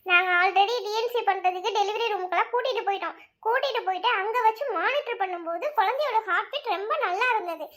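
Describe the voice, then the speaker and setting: A woman voicing a calm, reassuring female hospital doctor in a cartoon, explaining patiently. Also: extremely high pitch. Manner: measured, explaining.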